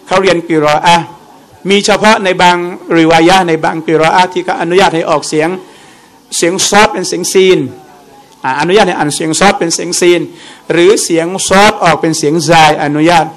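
High-voiced religious teacher, chatty. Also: male voice, fairly even intonation, a little fast. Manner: conversational, asks the audience questions, repeats points. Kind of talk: religious lecture to a live audience.

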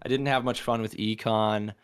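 A man's voice: lowish voice, steady tone, normal speed, smooth. A young man in college chatting casually and earnestly, rambling with fillers. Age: young adult. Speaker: college student guest. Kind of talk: casual podcast panel chat.

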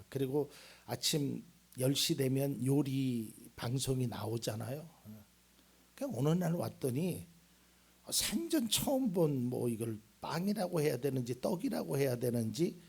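A man in his fifties, a pastor giving a sermon in a church, who starts with a homely story and then preaches louder and more emphatic. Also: mid-range voice, gravelly, husky. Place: church sanctuary.

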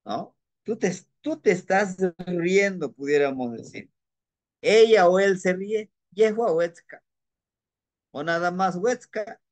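A man's voice: sits high, slow pace, dry recording. A man teaching a class, patient and repetitive, often checking in with his listeners. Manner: patient, repeats words and checks in with "¿no?". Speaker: language teacher. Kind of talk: online class lecture.

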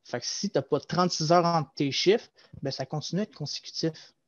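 A young Québécois man, a former loss-prevention agent, is the guest in a casual video-call interview, explaining things at length with energy and gesturing as he talks. His voice is on the high side and brisk. He speaks into a headset from a small room at home, and the dry recording has dull lo-fi call audio.

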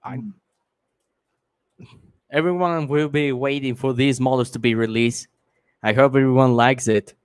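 A young man chatting casually on a livestream, relaxed and amused. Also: medium pitch, unhurried, pauses often, smooth, no echo. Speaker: livestream host.

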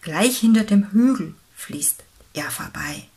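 A woman voicing a friendly rabbit father in a children's storybook, calling out loudly. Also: medium pitch, expressive, takes it slowly, slightly rough, full character voice.

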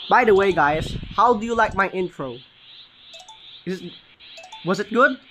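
A man giving casual, excited gameplay commentary, often stopping to correct his own words. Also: high-pitched, measured pace, background noise. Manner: excited, often corrects himself mid-sentence. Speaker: gaming channel host.

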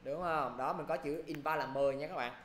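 A man with a Southern Vietnamese accent teaching an English grammar lesson. He talks briskly and keeps checking in with his students. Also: a little high, a bit bright, roomy sound, slight background noise.

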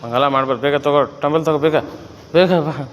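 A man's voice: on the high side, fairly even intonation, fairly quick. A man coaching his wife through a gym workout, giving short commands and counting reps. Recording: echoey gym hall with faint music.

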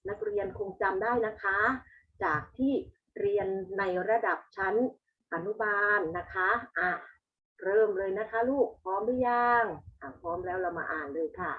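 A woman's voice: mid-range voice, narrow, tinny audio. A woman teaching young pupils, patiently reciting the alphabet and having them repeat each letter. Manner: slow, patient, calls the pupils "ลูก". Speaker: primary school teacher.

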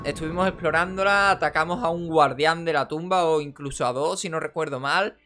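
A young man hosting a gaming channel, with a forceful, tense delivery. His speaking voice sits a little high, and his commentary is casual and excitable, with the odd curse. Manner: energetic, casual, swears in frustration. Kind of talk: casual let's play commentary.

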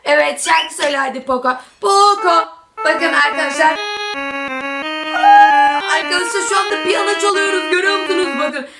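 An excited woman with a bright, high voice, hosting a game vlog and calling out to her viewers again and again. She repeats little phrases eagerly as she plays. Loud game music runs underneath her. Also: normal speed, gravelly. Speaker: channel host. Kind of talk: excited app gameplay vlog.

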